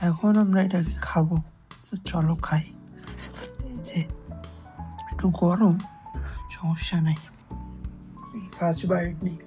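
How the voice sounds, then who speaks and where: A young man chatting to viewers in a casual late-night cooking vlog, mixing in English words and often speaking softly. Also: high voice, level tone, unhurried, long pauses, over music, poor audio. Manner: speaks in a hushed voice so as not to wake a sleeping roommate. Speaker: vlogger. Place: small kitchen at night, indoors.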